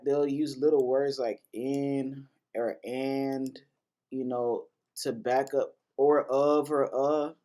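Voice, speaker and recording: A man talks through rap lyrics in a relaxed, informal lesson. His voice is mellow and warm, neither high nor low. He wanders with fillers and restarts and swears casually as he explains. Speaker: host breaking down rap lyrics.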